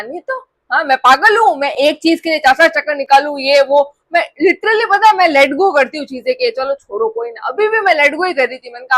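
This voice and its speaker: Young woman vlogger, high voice, dry close sound, animated storytelling, switches between voices in an argument. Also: no room sound. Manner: animated, acts out both sides of an argument. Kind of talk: casual storytelling to camera.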